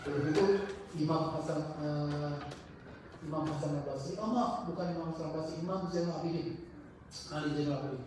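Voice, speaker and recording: A high-pitched man teaches an informal religious study circle. He often stops mid-sentence to hunt for the right word, then slips into animated voices for the people in his stories. He is caught from a distance in a booming, echoey mosque hall with a faint hiss underneath. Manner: halting, searches for words mid-sentence; animated storytelling with acted-out quotes.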